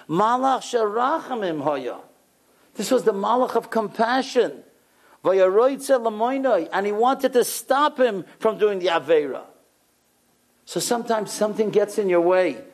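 A middle-aged man with quite a high-pitched voice. He teaches like a rabbi giving a lecture, moving between text and storytelling. He repeats key phrases for emphasis and puts questions to his listeners. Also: a little mellow, a little hiss or hum.

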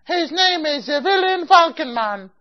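A woman's voice: high voice, expressive, unhurried. A woman playing a fussy older customer and matchmaker who speaks broken English full of Yiddish words and keeps repeating herself. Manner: picky, insistent, repeats herself. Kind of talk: amateur comic storytelling skit. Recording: dull lo-fi recording.

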